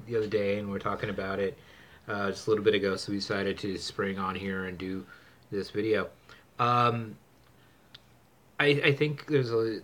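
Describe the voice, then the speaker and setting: Rambling low-voiced man, bright tone. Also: a little hiss or hum. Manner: rambling, many restarts and fillers. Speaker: channel host. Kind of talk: casual chat.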